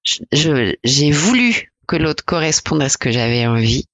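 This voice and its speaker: A woman in her forties from France, a podcast guest talking reflectively and hesitantly about her life, with many pauses and fillers. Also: low voice, very animated, dry recording. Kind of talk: personal interview conversation.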